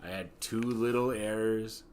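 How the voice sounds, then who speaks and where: A man's voice: lowish voice, fairly even intonation, measured pace, background noise. A man co-hosting a casual post-show podcast chat, laughing often, swearing and slipping into mock-angry quoted voices. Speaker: podcast co-host.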